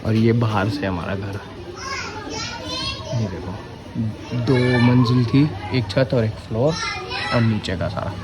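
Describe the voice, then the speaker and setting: A man's voice: lowish voice, takes it slowly, long pauses, over loud music. Chatty man touring his old home. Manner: chatty, addresses viewers as bhai. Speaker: vlogger. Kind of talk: casual home tour vlog. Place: old empty house and street, indoors and out.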